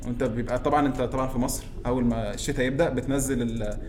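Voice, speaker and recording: Young Egyptian male co-host, rapid delivery, casual storyteller among friends. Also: mid-range voice, fairly even intonation, a little mellow. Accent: Egyptian Arabic. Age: young adult. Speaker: podcast co-host.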